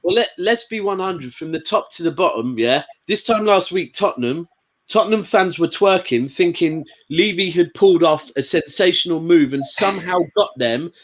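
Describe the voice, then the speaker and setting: A man's voice: sits high, lively intonation, normal speed. A man on a football panel, teasing and joking in casual banter. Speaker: football pundit.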